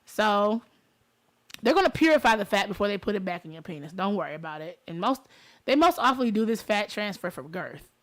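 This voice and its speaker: A woman's voice: medium pitch, sing-song, brisk. A woman with a Detroit accent hosting a talk show in an informal, conversational way, speaking straight to her listeners. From Detroit, United States. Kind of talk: casual talk show chat.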